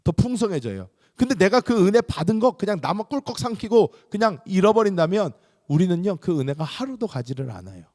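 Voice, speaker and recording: In a large church sanctuary, a male pastor preaches with animated storytelling, performing the voices of the people in his stories. His voice is a little high, and the studio-quality recording carries the reverberant church hall.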